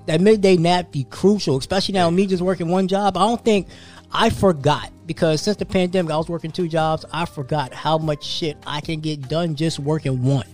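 Brisk and steady, the podcast host's voice runs on the high side with a darkish tone, backed by soft music. He's in his thirties and talks casually, cursing as he shares stories about his work and goals.

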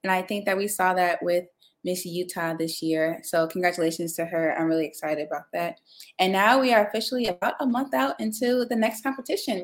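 A woman's voice: lowish voice, reverberant. A woman hosting a casual podcast, chatting in a rambling way with lots of fillers. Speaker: podcast host. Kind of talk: casual chat.

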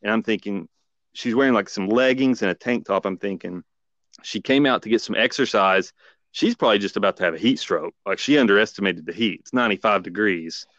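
A man's voice: on the low side, a little fast, fairly bright tone, no room sound, dull audio. A man co-hosting a podcast, telling a story in casual chat and acting out the voices of the people in it. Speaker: podcast co-host.

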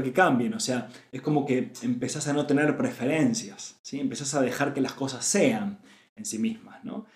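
A man's voice: medium pitch, a little mellow, roomy sound. A man in his thirties with an Argentine Spanish accent, giving an earnest, searching spiritual talk as a podcast host, with many fillers and asides. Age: 30s.

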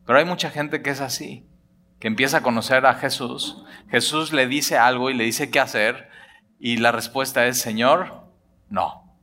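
A man preaching a lively sermon, acting out dialogue in colloquial speech. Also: mid-range voice, normal speed. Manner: animated, acts out dialogue, colloquial Mexican slang.

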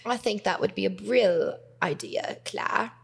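A woman's voice: mid-range voice, animated, measured pace, gravelly, long reverb tail. A young woman co-hosting a podcast in a casual chat, playful and laughing often. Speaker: podcast co-host.

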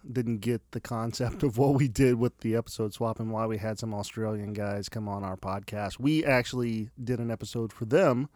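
Casual swearing podcast host. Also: male voice, on the low side, steady tone, normal speed, hardly any pauses, a little mellow, no echo, studio quality. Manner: casual, swears freely, laughs often. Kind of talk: casual chat.

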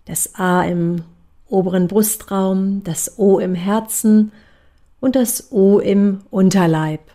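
A woman voice coach giving a calm, measured lesson on breathing and articulation exercises. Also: medium pitch. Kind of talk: instructional voice training lesson.

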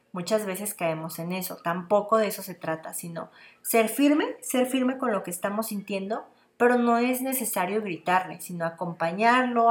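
Woman, podcast host; earnest, direct-address parenting advice with repeated phrasing. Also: mid-range voice. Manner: earnest, speaks straight to the listener, repeats phrases for emphasis. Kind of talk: casual advice monologue.

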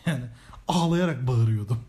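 A young man co-hosting a podcast, telling childhood stories in a casual, animated way and swearing freely. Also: medium pitch, brisk. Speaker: podcast co-host. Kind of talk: casual comedic chat.

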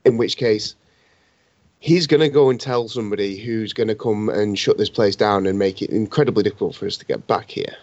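A man's voice: on the low side, a little fast, darkish tone, no room sound. A man player in a tabletop game, thinking through the options aloud. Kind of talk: tabletop role-play chat. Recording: dull, dry lo-fi mic.

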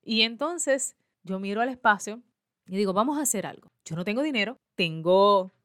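Here a school librarian in her forties, originally from Puerto Rico and speaking with its Spanish accent, recounts her own experiences to an audience. She plays both parties in her conversations in a lively way, her mid-range voice moving at a moderate pace. The recording is dry and clean, studio quality.

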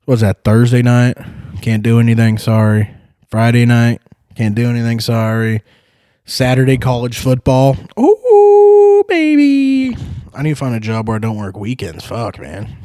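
A man's voice: mid-range voice, normal speed, no echo, clean studio sound. A man hosting a sports podcast, chatting casually about football picks with rowdy, profane outbursts. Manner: rowdy, swearing, excitable outbursts.

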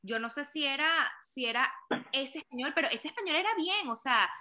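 A Venezuelan woman co-hosting a casual chat, animated and fond of acting out quoted voices. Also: sits high, moderate pace, a little hiss or hum. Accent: Venezuelan Spanish. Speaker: podcast co-host.

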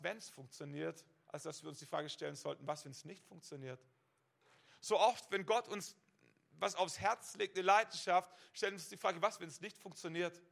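Speaking straight to his audience, this preacher stacks rhetorical "what if" questions one on top of the next. His voice is high with a gravelly edge and a sharp, forceful tone, and he frequently repeats the opening word when starting a phrase.

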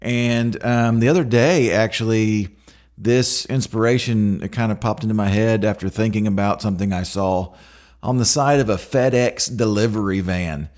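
A man's voice: on the low side, moderate pace, a little mellow. A middle-aged man hosting a podcast alone, talking casually in a rambling way with lots of fillers and restarts. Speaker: podcast host. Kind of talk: casual solo podcast monologue.

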